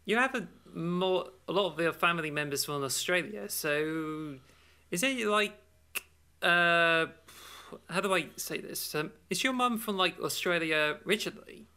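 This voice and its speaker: Guy co-hosting a gaming podcast, really bright sharp voice, slightly high, kinda hesitant. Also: unhurried, clean tone. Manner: hesitant, searches for words. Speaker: podcast co-host. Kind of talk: casual chat.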